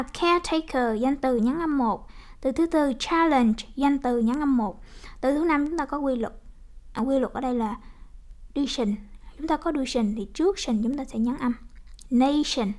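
A woman with a Vietnamese accent runs an online English vocabulary lesson in a high, light voice. She says each word slowly three times and names the stressed syllable. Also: mellow. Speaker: English teacher.

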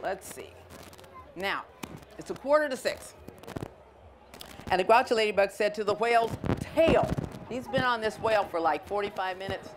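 Outdoors in a garden, a middle-aged American woman reads a picture book to children as a storyteller, talking conversationally, explaining things and checking in with her listeners. Her mid-range voice has lively intonation at a normal speed, broken by long pauses. The recording is clear, with outdoor ambient noise.

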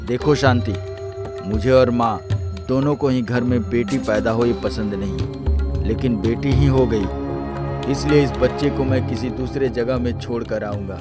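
A man's voice: medium pitch, unhurried, close to an everyday voice. Earnest young husband, voiced by a man. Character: young husband Rabin, dutiful son. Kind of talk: cartoon voice acting. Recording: music bed under dialogue.

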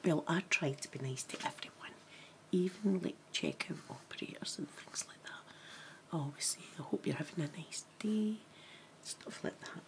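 A Glaswegian ASMR creator whispers softly in a gravelly, low-sitting voice with lively intonation at normal speed, doing a makeup role-play full of chatty, rambling talk. She records indoors in a small room at home, with the camera close to her face.

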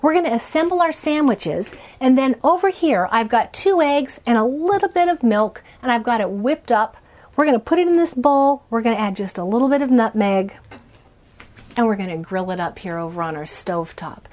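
A woman's voice: a little high, lively intonation, normal speed, a little mellow. A woman in her forties hosting a cooking show from a small RV kitchen, chatty and upbeat as she walks through each step. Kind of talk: cooking demonstration.

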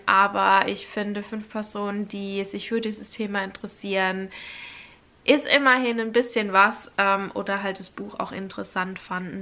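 A young woman with a bright, forward voice at a middle pitch. She chats casually to viewers like a home vlogger, in a conversational manner that pauses to think aloud. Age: young adult. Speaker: video blogger. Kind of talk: casual chat to camera, giveaway draw. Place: small indoor room at home with bookshelves.

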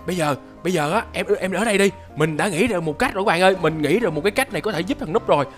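Young man, high and fast, jittery game narrator who repeats himself. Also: faint music behind. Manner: excitable, jittery, repeats words. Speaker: gaming YouTuber. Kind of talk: excited gameplay narration.

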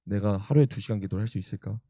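A man's voice: fairly low pitch, very fast, warm tone, slightly rough, no room sound. A young man, an evangelist, preaching a sermon and telling personal stories earnestly. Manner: earnest storytelling, acts out quotes.

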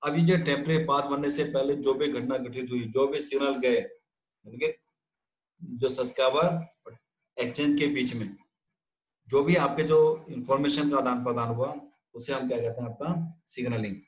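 A man lecturing a class in a question-and-answer rhythm, posing a question and supplying the answer himself. His voice sits at an ordinary middle pitch for a man. He repeats key terms and keeps checking that the students follow. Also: steady tone, moderate pace, rough recording. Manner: checks in with frequent "theek hai?". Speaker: telecom instructor.

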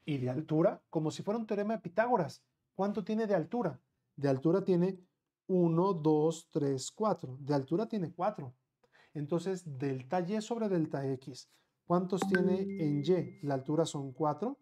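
A middle-aged man with a Mexican accent teaching a live online math class, chatty, firing quick questions at students and counting out steps slowly. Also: on the high side, warm tone.

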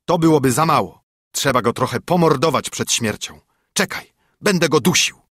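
A man voicing a hot-tempered, unlucky male carter in a storybook reading, loud and lamenting. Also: on the high side, very animated, a little slow, dry recording, clean studio sound, pitched above the performer's own voice, exaggerated voice. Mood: furious.

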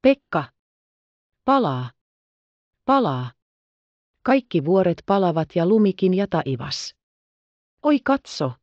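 A woman voicing an excitable, tender-hearted little orphan girl in an audiobook, exclaiming and pleading. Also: on the low side, long pauses, no room sound, lo-fi sound. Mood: awed excitement. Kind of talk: audiobook character reading.

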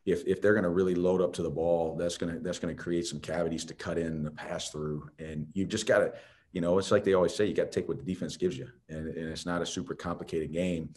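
A man's voice: deep voice, fairly even intonation, fast talker, a little mellow. A man, a head basketball coach, answering reporters' questions in a post-game press conference, talking conversationally with many restarts.

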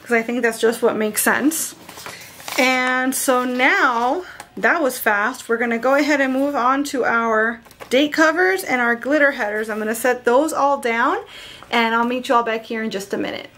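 A woman with a slightly high voice chats her way through a planner vlog, easygoing and thinking aloud. A faint hiss sits under the home recording. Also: normal speed, fairly bright tone. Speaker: planner vlogger. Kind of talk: casual plan-with-me narration.

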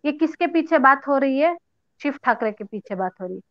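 A woman's voice: high-pitched, animated, no echo, dull audio. A woman arguing her point insistently in a heated panel debate. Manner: insistent, argumentative, fast rebuttals.

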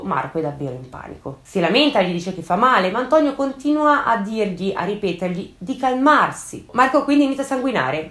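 A woman narrates a true-crime case with suspense, pausing to give her own view. Her voice moves a lot in pitch at a middle register. The recording carries a noticeable room echo. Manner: suspenseful storytelling, commenting on the case. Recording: echoey room.

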